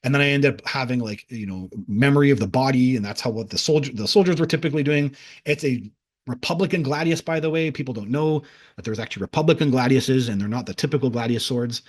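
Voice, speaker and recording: Husky man telling a rambling story. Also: mid-range voice, fast talker. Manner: rambling, many restarts and fillers, acts out crowd voices. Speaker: speaker recounting a past-life vision. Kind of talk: casual storytelling monologue.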